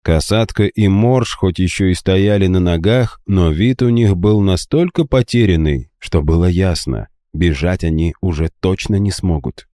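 A man narrating a fantasy audiobook in an expressive storytelling manner, in both third and first person. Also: low voice, normal speed, few pauses, no room sound, studio quality.

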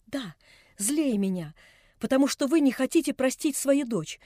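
A woman's voice: expressive, normal speed, warm tone, no room sound, clean studio sound. Woman doing a sobbing, furious little girl. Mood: furious tearful. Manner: shrill, tearful, defiant outbursts. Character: distraught defiant young girl, sobbing and shouting.

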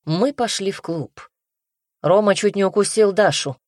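A woman's voice: mid-range voice, a little mellow, no echo, clean studio sound, pitched above the performer's own voice, lightly acted. Woman voicing a sullen sarcastic young man. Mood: mocking. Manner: curt, sarcastic, slow. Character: sullen mocking young man, teenage brother.

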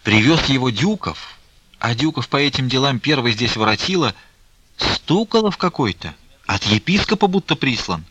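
A man's voice: medium pitch, very animated, moderate pace, a bit bright, a little hiss or hum, voice pushed up, low-quality recording. A man voicing a meek, fretful elderly nun who pleads and laments. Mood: pleading.

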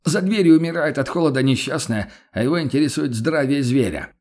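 A man's voice: medium pitch, expressive, a little fast, a little mellow, voice pushed up, close to an everyday voice. A man voicing an indignant self-righteous merchant in an audiobook, scolding sharply. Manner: outraged, scolding.

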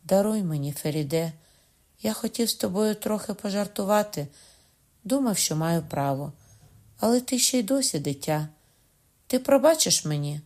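A woman voicing a playful young man who gently teases, coaxes and then apologizes, read in a storybook style. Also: low voice, sing-song, normal speed. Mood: apologetic.

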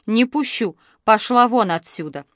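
A woman voicing a bossy, fussy middle-aged woman who scolds and shouts orders. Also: fairly high pitch, expressive, measured pace, no room sound, clean studio sound. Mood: agitated. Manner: loud, scolding, exclamatory.

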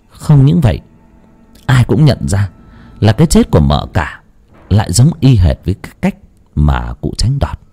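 A man's voice: low-pitched, mellow. A man narrating a horror tale in a dramatic storytelling manner.

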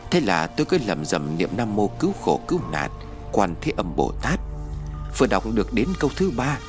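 A man narrating a first-person ghost story as an audiobook reader, in an expressive, dramatic way. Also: on the low side, normal speed, music in the background.

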